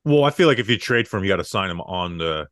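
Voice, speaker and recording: A young man co-hosting a relaxed sports chat, his lowish voice lively and rising and falling as he leans on "like" between thoughts. The sound is dry and close. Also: fast, no room sound. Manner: casual, filler-heavy with lots of "like". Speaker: podcast co-host. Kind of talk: casual sports talk.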